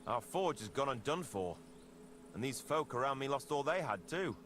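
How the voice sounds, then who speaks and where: A man's voice: medium pitch, very animated, moderate pace, a bit bright, a little hiss or hum. An actor playing a hard-up male villager in a video game, talking in a plain, folksy way.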